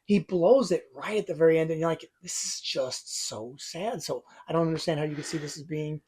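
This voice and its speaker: A man's voice: on the high side, fast, dark tone, slightly rough. A man co-hosting a casual movie discussion, arguing back and retelling scenes with disbelief. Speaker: co-host.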